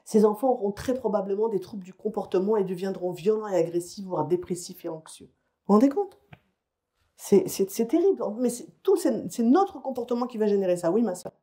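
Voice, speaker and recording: A woman's voice: mid-range voice, animated, a little fast, warm tone. A woman psychologist giving a conference lecture to parents. She explains in a conversational way and often checks in with her listeners. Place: lecture hall or conference room.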